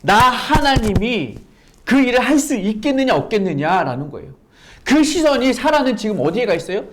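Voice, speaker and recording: A woman's voice: fairly high pitch, sing-song, brisk. A woman pastor preaching a sermon in a conversational way, full of rhetorical questions and emphatic repetition.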